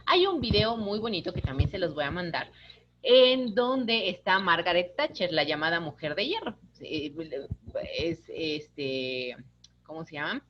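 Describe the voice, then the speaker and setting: A woman, an instructor giving a lively online lecture, talking with her hands. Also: fairly low pitch, unhurried, highs cut off, a little hiss or hum. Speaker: course instructor.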